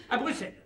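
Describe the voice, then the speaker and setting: A flustered schemer who stammers and hams his way through a stage farce. His voice is high and bright, and he speaks slowly with wide swoops. The roomy stage echo carries the sound. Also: exaggerated voice. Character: flustered male schemer improvising a cover story. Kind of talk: live stage farce acting. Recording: roomy stage recording, audience laughter.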